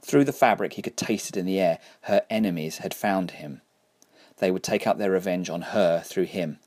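A man narrating a story in a measured, wry way. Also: low voice, a little mellow. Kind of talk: audiobook narration.

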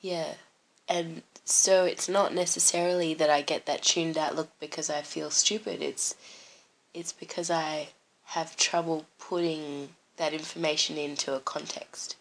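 A woman's voice: low voice, little pitch movement, a little slow, slight background noise, rough recording. A woman interviewing casually, asking curious, probing questions. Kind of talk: casual conversation.

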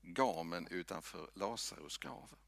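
A man preaching a sermon in a church, swinging from loud lines to hushed whispers. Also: low-pitched, lively intonation, gravelly, no echo. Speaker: pastor.

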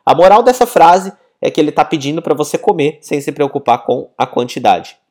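A man teaching a language lesson, patient and explanatory, repeating example phrases slowly. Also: fairly high pitch, lively intonation, a little mellow. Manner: mixes in read-out example phrases.

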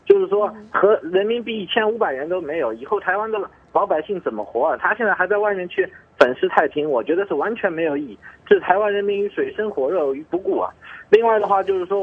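A man calls in over a thin, crackly phone line, his voice high and leaping. He rants at a rapid clip with an agitated edge. His voice is husky and breathy. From Shanghai. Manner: agitated, rapid-fire ranting. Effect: heard over a crackly phone line. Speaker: caller. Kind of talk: call-in comment.

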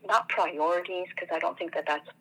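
Middle-aged woman, lowish voice, halting and reflective, interview guest, phone-line sound. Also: fairly even intonation, a bit bright, breathy edge. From born in Tunisia, raised in Algeria, France and the US. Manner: reflective, halting, with fillers and restarts. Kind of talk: conversational interview.

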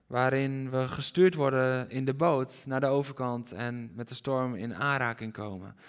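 A man preaching a sermon to a congregation in a hall, animated and questioning his listeners directly. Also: on the high side. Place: church hall with congregation and livestream. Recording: reverberant hall.

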